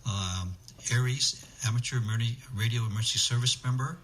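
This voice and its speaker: A man's voice: mid-range voice, a little fast, fairly bright tone, slight background noise. A man being interviewed on the radio, explaining things methodically and listing points in short phrases. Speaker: interview guest, amateur radio emergency organizer.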